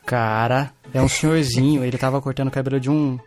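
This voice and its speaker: Fast-talking man telling a story. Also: mid-range voice, soft background music. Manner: animated anecdote-telling with slangy fillers. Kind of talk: casual chat, storytelling.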